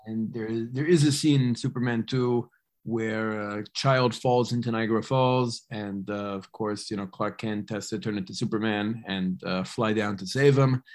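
A man's voice: fairly low pitch, fairly even intonation, normal speed, a little mellow. A man hosting a podcast interview, asking questions in a conversational way with hesitant restarts.

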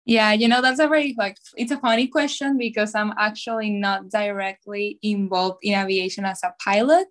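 A young woman from Venezuela, chatting in an interview with a lively, filler-heavy manner. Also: mid-range voice, normal speed, hardly any pauses. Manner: chatty, lively, lots of "like" and "you know". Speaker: podcast co-host, guest. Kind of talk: casual interview.

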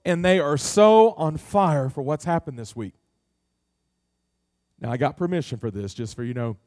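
A man's voice: a little high, expressive, moderate pace, darkish tone, dry recording, clean studio sound. A middle-aged male pastor preaching a sermon, earnest and folksy, asking many rhetorical questions and telling family stories.

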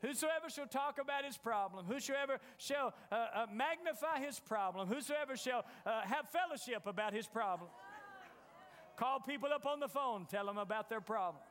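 High-voiced preacher, folksy. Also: male voice, animated, moderate pace, fairly bright tone, big-room sound. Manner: folksy storytelling, acts out doubters' voices. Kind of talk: sermon.

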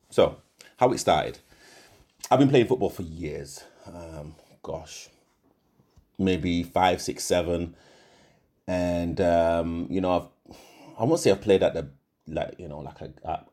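A middle-aged Yorkshire man from England hosts a casual solo podcast, rambling with frequent fillers and self-corrections. His voice is low-pitched with a dark tone.

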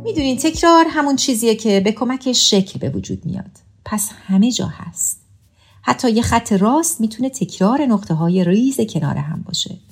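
A woman's voice: fairly high pitch, lively intonation, hardly any pauses, breathy edge. A woman narrating a music lesson in a patient, explaining way, chanting rhythm patterns aloud. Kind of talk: scripted educational narration.

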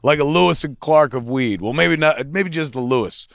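A man's voice: on the high side, moderate pace, vocal fry, a bit bright, no echo, clean studio sound. A man voicing a goofy, naive male pot store clerk who rambles. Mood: bashful. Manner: bumbling, rambling.

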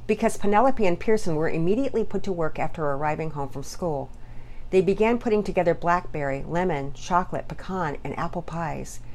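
Woman narrator, children's storybook, lowish voice, expressive reading.

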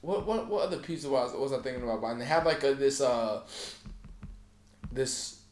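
A man's voice: medium pitch, animated, normal speed, a little mellow, echoey room, a little hiss or hum. A man co-hosting a casual chat, bantering loosely with plenty of swearing while he has the hiccups. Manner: profane, laid-back banter. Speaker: podcast co-host.

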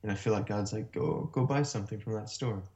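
A man guest telling a personal story in a casual, animated way, often laughing between sentences. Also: fairly low pitch, fast talker. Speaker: interview guest. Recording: muffled lo-fi sound.

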